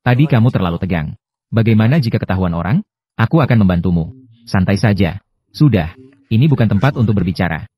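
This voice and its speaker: A man reading out translated drama dialogue as a recap voice-over, with a stiff, even delivery for every part. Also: on the low side, quick pace, breathy edge, no room sound, lo-fi sound.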